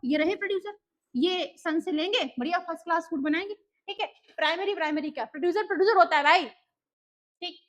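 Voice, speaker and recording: A woman teaching a revision lesson in a chatty, lively way, speaking Indian English and asking and answering her own questions. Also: extremely high pitch.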